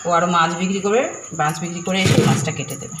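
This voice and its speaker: A woman's voice: lowish voice, quick pace, over loud music. A middle-aged woman chatting casually to her viewers in a home vlog, filmed on a phone. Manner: chatty, talks to viewers and coaxes a pet. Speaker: vlogger. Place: home, indoors. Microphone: phone camera. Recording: echoey room with loud background noise.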